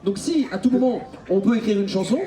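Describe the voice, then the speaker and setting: A man's voice: high-pitched, warm tone, a little hiss or hum. A man performing improvised stage comedy in front of a live audience, teasing his partners and laughing as he talks. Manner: teasing, laughing, rapid-fire. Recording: echoey live show, far from mic.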